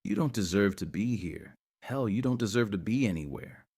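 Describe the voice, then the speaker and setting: A man reading the part of a cruel, sneering male sailor who menaces two shipmates, in a low, venomous voice. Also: lively intonation, moderate pace, a little mellow, breathy edge, no room sound, clean studio sound. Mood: menacing.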